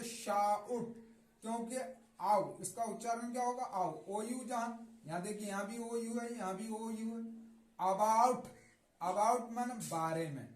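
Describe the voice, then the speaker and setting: A man with a Hindi accent teaches English pronunciation at a very slow, deliberate pace. He says each word over and over and asks questions that he answers himself. His voice rings in an echoey room. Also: high voice. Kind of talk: classroom lesson on English pronunciation.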